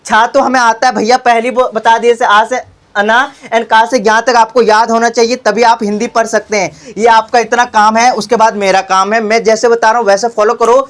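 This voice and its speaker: With a very high, fairly bright voice and a level tone, a young man teaches a tuition class at a moderate pace. He keeps repeating call-and-response questions for the children and calls them beta, heard in a noisy classroom recording with clicks.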